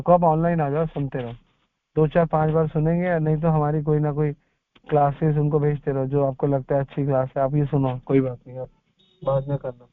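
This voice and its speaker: Spiritual counselor, male, slightly high pitch, repetitive advising tone, tinny phone-line sound. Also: no room sound. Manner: advising, repeats points for emphasis. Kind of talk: answering a devotee's question.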